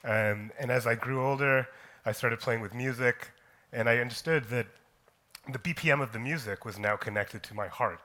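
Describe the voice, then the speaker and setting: A man from Kenya telling his personal story on a conference stage, slow and deliberate, with frequent pauses and "um"s. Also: medium pitch, bright, forceful tone. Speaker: conference speaker, company co-founder.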